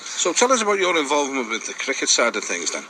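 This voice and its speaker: A man interviews guests casually for radio in a bright, animated voice. He is chatty and keeps his prompts short. There is faint ambience behind him. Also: medium pitch, quick pace, slight background noise, rough recording.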